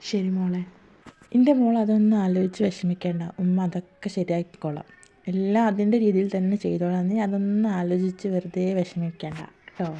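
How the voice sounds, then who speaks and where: Woman voicing a caring mother-in-law, soothing reassuring tone, dark mellow voice, lo-fi sound. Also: lowish voice, fairly even intonation, a little fast.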